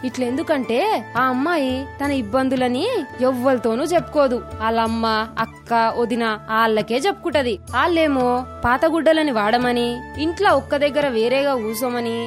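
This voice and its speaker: A caring middle-aged village aunt , voiced by a woman, speaking in a Telangana accent in a radio drama. She questions gently and explains patiently in a high, motherly voice, over faint background music. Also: brisk, close to an everyday voice. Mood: explaining. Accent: Telangana Telugu. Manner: warm, coaxing, motherly questioning.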